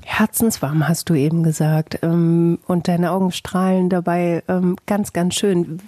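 A woman interviewer asking gentle, probing questions. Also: fairly low pitch, level tone, measured pace, no room sound, clean studio sound. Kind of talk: personal interview.

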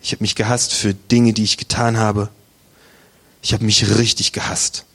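A man's voice: on the low side, little pitch movement, normal speed, a bit bright, slightly rough. A man preaching, telling his own faith story earnestly and intimately, at times dropping to a near whisper. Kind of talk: testimony sermon.

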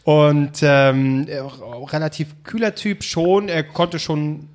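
A man's voice: fairly high pitch, fairly even intonation, takes it slowly. A young man telling a story in casual chat, rambling and hesitant, often breaking into laughter.

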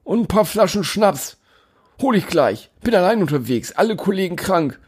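A man's voice: high voice, big pitch swings, normal speed, darkish tone, husky, pitched above the performer's own voice, heavily acted. A man voicing a stocky male deliveryman who is out of breath and grumbling. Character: pale stocky male beer deliveryman, panting, griping.

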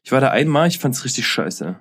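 A man's voice: medium pitch, sing-song, brisk, a bit bright, husky. A young man co-hosting a podcast, talking bluntly and crudely in casual chat. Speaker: podcast co-host.

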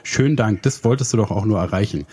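A man's voice: lowish voice, fast talker, a little mellow, breathy edge. A man co-hosting a casual comedy chat, grumbling and ranting in mock outrage. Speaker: podcast co-host.

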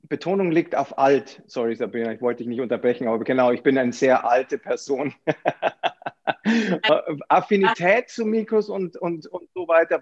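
Male interview guest, relaxed and self-mocking, recorded with a dull lo-fi sound. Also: medium pitch. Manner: self-mocking, laughs easily. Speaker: podcast guest. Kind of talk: casual interview talk.

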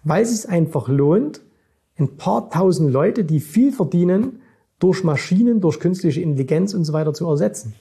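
Gravelly, husky man talking straight to camera. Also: high-pitched, animated, moderate pace, dark tone. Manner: direct, keeps addressing the viewer with "ne?" and "So.". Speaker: finance and stock-market coach. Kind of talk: casual monologue to camera.

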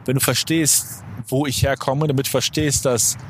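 A man's voice: mid-range voice, fairly even intonation, normal speed. A man in his twenties hosting a podcast, rambling casually and correcting himself in a slangy motivational monologue outdoors near a supermarket. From Germany. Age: 20s. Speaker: podcast host. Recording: clear outdoor traffic noise. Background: traffic and street noise.

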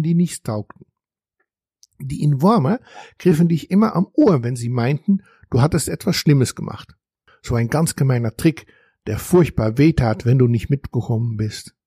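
A man in his sixties from the Netherlands with a Dutch accent, reading his own children's story aloud in German in a calm, wry first-person way. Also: a little high, breathy edge, dry recording, studio quality. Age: 60s. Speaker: author and narrator.

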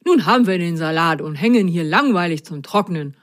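A woman's voice: lowish voice, expressive, close to an everyday voice. A woman voicing a scolding, know-it-all sock in a children's story. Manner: scolding, brisk.

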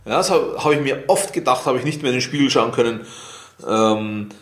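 A man's voice: medium pitch, lively intonation, fairly quick. A man giving a blunt motivational monologue, swearing freely and firing questions at himself and the listener. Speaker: podcast host. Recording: echoey room.

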